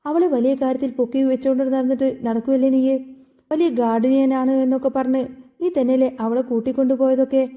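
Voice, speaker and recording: A woman's voice: sits high, level tone, a little fast, highs cut off, natural voice. Woman reading as scornful Vaijayanthi. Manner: mocking, shouting taunts. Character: scornful scheming middle-aged woman, Vaijayanthi.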